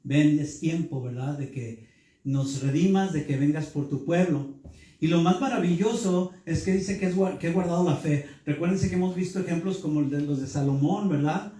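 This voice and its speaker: A male pastor with a fairly high, warm voice delivers a Bible class sermon at normal speed in a church hall, teaching and repeatedly putting questions to the room. The recording is echoey, with him far from the mic.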